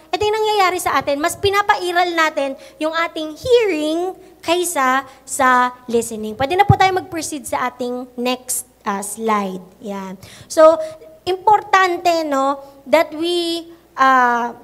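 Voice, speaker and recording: A woman pastor with a Filipino accent preaching a sermon, mixing Tagalog and English and often asking "di ba?", slowing down to stress key phrases. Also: sits high, animated, fairly bright tone. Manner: mixes Tagalog and English, frequent "no?" and "di ba?" tags.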